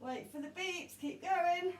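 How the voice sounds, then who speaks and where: A woman's voice: very high voice, slow, distant mic, a little hiss or hum. A woman coaching a home workout, encouraging and counting down the seconds, out of breath. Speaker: fitness coach. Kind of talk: workout instruction. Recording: roomy sound from away from the mic.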